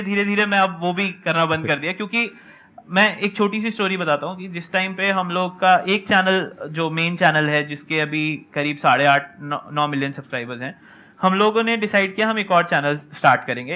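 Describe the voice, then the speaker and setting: A man speaking in a measured, explanatory way as a business co-founder on a discussion panel, mixing English words into Hindi. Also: sits high, muffled recording. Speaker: co-founder of an online coaching channel. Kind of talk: conversational panel talk.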